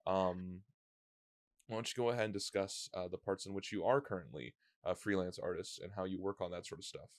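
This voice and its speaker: Deep-voiced man hosting with halting speech. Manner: rambling, halting, many fillers and restarts. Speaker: podcast host. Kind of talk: casual interview chat.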